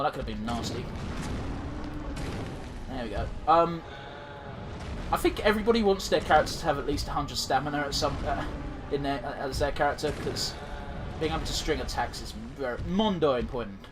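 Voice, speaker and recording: Over background music, a gaming commentator talks through a let's-play casually, cursing and letting sentences trail off with fillers, his nose stuffed up. He has a medium pitch and lively intonation, speaking at a moderate pace with long pauses.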